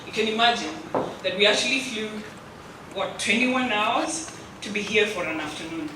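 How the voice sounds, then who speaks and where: Kenyan delegate, formal diplomatic remarks, mid pitch, heard from afar in a reverberant room. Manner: measured and diplomatic. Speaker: government delegate. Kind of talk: formal address. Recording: echoey hall, distant mic, noise.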